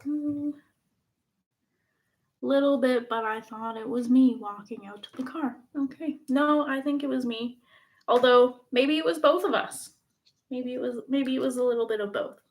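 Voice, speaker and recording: A Canadian woman chats casually on a live stream from home, rambling and using lots of fillers. Her voice sits high at a moderate pace, and she's recorded on her phone's front-facing camera.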